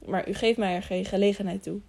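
A woman's voice: mid-range voice, fairly even intonation, fast talker, gravelly, warm tone. A woman reading an audiobook, voicing an earnest young man who pleads his case. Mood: calm.

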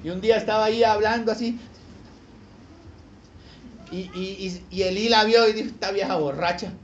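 Delivering a sermon at normal speed, this high-pitched pastor keeps a fairly even intonation while still speaking animatedly, using rhetorical questions and putting on voices. Faint noise sits under slightly dull, lo-fi audio.

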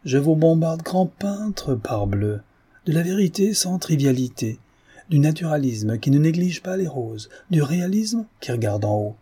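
A man putting on a gushing, high-voiced notary. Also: measured pace, slightly rough, full character voice. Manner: gushing, effusive flattery. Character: excitable fawning middle-aged male notary. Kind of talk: audiobook character reading.

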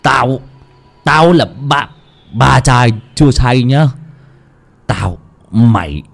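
Loud slurring drunk villager. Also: male voice, medium pitch, animated, very slow, gravelly, full character voice. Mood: drunken bluster. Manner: slurred, stammering shouting.

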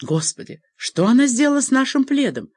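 A woman voicing a gruff, blustering middle-aged male warrior in an audiobook. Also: lowish voice, steady tone, slow, darkish tone, no echo.

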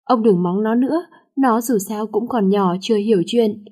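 A doting middle-aged mother pleads in her daughter's defense, read by a woman narrator. The tone is mellow and warm. The storybook delivery stays plain. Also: a little high, moderate pace, lightly acted. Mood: defensive.

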